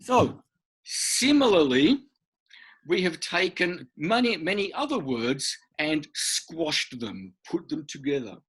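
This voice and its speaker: A man's voice: a little high, sing-song, slow, fairly bright tone, husky. A man teaching an online workshop, patiently explaining and repeating words for emphasis, heard over a video call. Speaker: English teacher.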